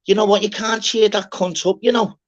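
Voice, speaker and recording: A man's voice: high-pitched, little pitch movement, a little fast. Rambling Scouse man, dull lo-fi sound. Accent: Liverpool. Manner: rambling, repetitive, broken-up sentences. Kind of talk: casual sweary banter. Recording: dull lo-fi audio.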